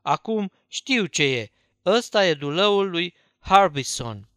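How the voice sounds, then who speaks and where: A nervous, mischievous boy read by a man, hushed and urgent. The voice is crisp and bright with a slightly high pitch, recorded close and dry. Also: sing-song, dry recording, heavily acted. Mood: relieved.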